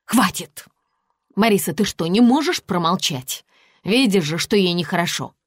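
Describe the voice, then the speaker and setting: Woman reading as a stern worn-out husband in his fifties, firm, low, dry. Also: animated, moderate pace, husky, dry recording. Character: weary middle-aged man, stern husband.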